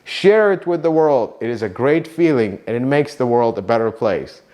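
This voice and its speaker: A YouTube-hosting car mechanic from Iraq thanks his viewers at a normal speed. Arabic is his native language, and his delivery is earnest and warmly grateful, with animated changes in pitch.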